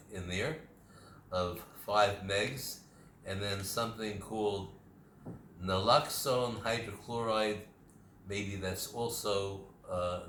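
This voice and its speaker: Low-voiced older man, halting and deliberate. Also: fairly bright tone. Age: 70s. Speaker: patient recovering from shoulder surgery. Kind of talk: casual personal video diary. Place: indoor room at home. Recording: roomy echo, faint background noise.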